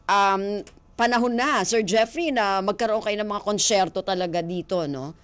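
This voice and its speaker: A woman's voice: mid-range voice, moderate pace. A woman hosting a casual radio interview, chatty and playful, laughing often into a studio mic. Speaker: radio host.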